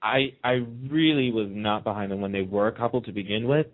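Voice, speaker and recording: Speaking a little fast in a lowish voice, a man calls into a radio show to give his opinions. The chat is casual and emphatic, centered on TV soap storylines, and the line sounds muffled and narrow, like a phone.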